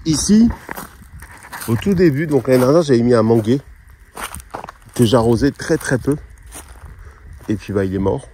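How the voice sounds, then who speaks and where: A man's voice: mid-range voice, normal speed, long pauses, poor audio. A man from France chatting casually on his vlog outdoors, easygoing and full of hesitations. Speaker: vlogger planting a tropical garden. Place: outdoor plantation on a hot day. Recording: loud outdoor background noise.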